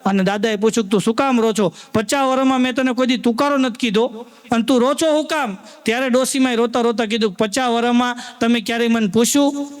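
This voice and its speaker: A man performs live stand-up. His voice sits very high, and he tells homely stories, slipping into the voices of the old people in them. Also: fast. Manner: folksy storyteller addressing the audience as sir, acting out old folks. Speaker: stand-up comedian.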